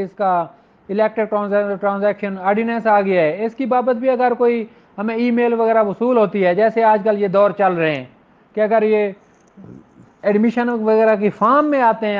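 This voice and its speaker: A Pakistani law lecturer with a high-pitched voice gives an explanatory lecture, reading statutes aloud and then explaining them. His manner is informal and didactic, and he moves between Urdu and English legal terms. The audio is dull.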